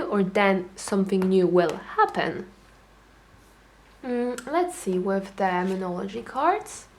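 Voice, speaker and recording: A chatty young woman talks through a tarot reading in a loose, animated way. She slips into quick little voices for the people she is reading for, then settles back into her everyday conversational tone. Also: medium pitch, a little hiss or hum. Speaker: tarot reader. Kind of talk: casual tarot reading to camera.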